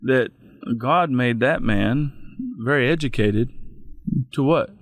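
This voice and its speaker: Here the same kind of speaker, a middle-aged pastor guesting on a podcast, shares a personal story, folksy and plain, frequently starting sentences over. He talks slowly at a medium pitch, and there's no echo.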